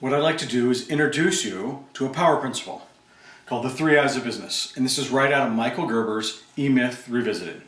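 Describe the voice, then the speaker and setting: Brief: male business coach, mid-pitched, lecturing with emphasis, far mic. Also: a little fast, a bit bright. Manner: emphatic, rhetorical questions. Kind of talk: instructional talk. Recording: roomy, distant mic.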